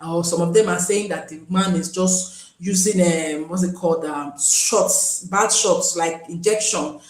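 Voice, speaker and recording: A woman's voice: fairly low pitch, measured pace, reverberant, rough recording. A Nigerian woman hosting a live stream, chatting casually and pleading with viewers to join. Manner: pleading, chatty, switches into pidgin.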